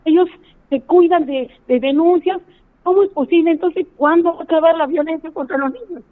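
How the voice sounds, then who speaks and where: A very high-pitched, slightly fast voice belongs to a middle-aged woman ringing a radio show with a complaint. She pleads and sounds indignant while recounting her story on a tinny phone line.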